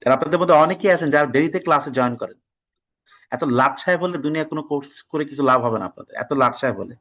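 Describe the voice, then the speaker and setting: A man's voice: a little high, fairly bright tone, low-quality recording. A man from Bangladesh teaching an online test-prep class. He lectures casually, mixes English words into his talk, and scolds his students now and then. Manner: reads practice passages aloud slowly and deliberately.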